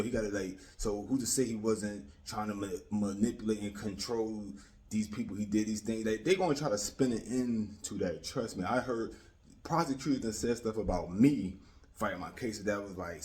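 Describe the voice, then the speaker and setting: Here an American YouTube commentator speaks in a lowish voice with a darkish tone. His commentary is casual and opinionated, delivered in a slangy, streetwise way, with repetition for emphasis and frequent checks on whether the listener follows.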